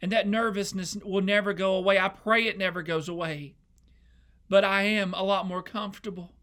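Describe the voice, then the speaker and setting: Earnest young pastor, bright voice. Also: male voice, high voice, steady tone, moderate pace. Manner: earnest, emotional, repeats words. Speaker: associate pastor. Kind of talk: sermon. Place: church sanctuary.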